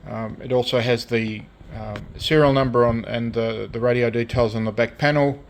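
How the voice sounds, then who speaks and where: An Australian man shows off his own radio restoration collection in a hobby video, speaking in a mid-range voice with fairly even intonation. His casual, hands-on show-and-tell comes out halting and hesitant in piecemeal phrases, with clear background noise.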